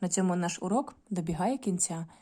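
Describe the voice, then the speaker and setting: A woman's voice: lowish voice, fairly quick, mellow, husky. A woman teaching a video lesson to primary school children, patient and instructive, often addressing them directly.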